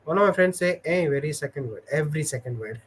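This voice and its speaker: A livestream host with a slightly high, animated voice speaks fairly quickly with a breathy edge. He rambles and hesitates through casual chat with viewers, filling it with fillers as he reads their comments and tells stories.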